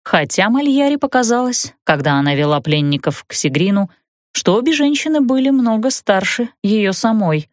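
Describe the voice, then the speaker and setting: Female audiobook narrator, mid pitch, dry close sound, even storytelling. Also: normal speed, no echo.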